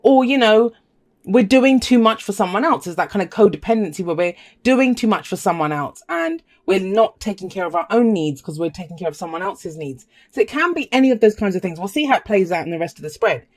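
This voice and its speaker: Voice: medium pitch, lively intonation, brisk. A tarot reader talking casually and enthusiastically to viewers, with chatty asides and emphatic repetition.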